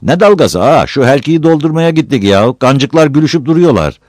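A man's voice: fairly high pitch, animated, fairly quick, darkish tone, no echo, voice pushed up, lightly acted. A lazy village joker talks in a raised, loose voice, as a male narrator puts him on. He sounds cheeky and unbothered. The recording is dry. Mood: joking. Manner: joking, easygoing.

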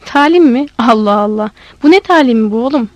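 A woman's voice: a little high, expressive, fairly quick, dry recording, close to an everyday voice. Woman doing a bewildered old street sweeper. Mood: puzzled. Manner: bewildered, exclaiming. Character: puzzled old male street sweeper, nosy.

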